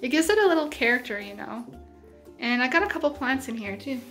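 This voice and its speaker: Quick and animated, this thirty-something Canadian woman shows off her house on a handheld phone, her high, slightly bright voice carrying over soft background music. It's relaxed, chatty house-tour talk, sprinkled with fillers like "like."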